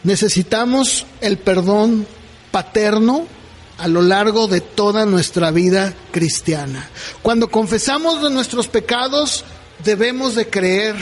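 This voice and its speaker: A man's voice: high voice, slight background noise. A middle-aged man, preaching a sermon as pastor in a conversational way, often checking in with "¿verdad?". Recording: long reverb of a hall.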